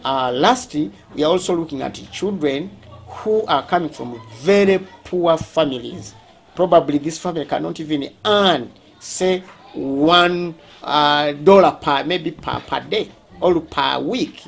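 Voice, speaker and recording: Deliberate and halting, this school representative with a Ugandan accent explains things on a tour, often rewording what he says. He has a fairly high, creaky voice.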